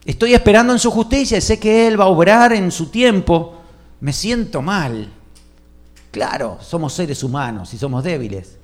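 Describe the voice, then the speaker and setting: Spanish-speaking preacher with a raised voice. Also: male voice, sits high, lively intonation, moderate pace. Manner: swings between loud emphatic lines and soft, hushed asides; asks the congregation questions. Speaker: pastor. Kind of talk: sermon.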